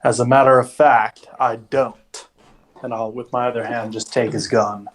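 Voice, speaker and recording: A man's voice: mid-range voice, steady tone, normal speed, rough recording. A man with a mid-range voice playing in a tabletop game. He thinks aloud casually and works out his moves as he speaks. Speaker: player.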